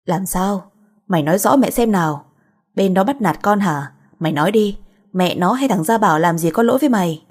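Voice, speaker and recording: A woman's voice: medium pitch, expressive, fairly quick, darkish tone, natural voice. A woman voicing a protective, blunt middle-aged mother who scolds and comforts. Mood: scolding.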